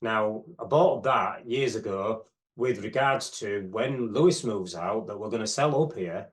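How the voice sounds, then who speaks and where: A man, a guest in an interview, talking in a reflective, unhurried way and often trailing off with "you know.". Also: lowish voice. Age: 50s. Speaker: guest fitness expert. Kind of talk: casual interview chat.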